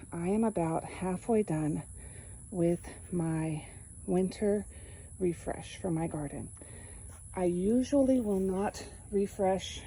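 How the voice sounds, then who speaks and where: A woman's voice: on the low side, dark tone, a little hiss or hum, rough recording. A woman from East Texas walking through her backyard garden, explaining step by step in a plain, casual way. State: out of breath. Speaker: home gardener. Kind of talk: casual walk-through narration.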